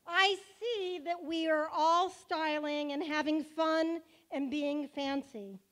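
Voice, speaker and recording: A woman, the synagogue president, giving a joking, warm-hearted speech at a banquet held in a car museum hall. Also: sits high, steady tone, slow. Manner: playful, joking speaker.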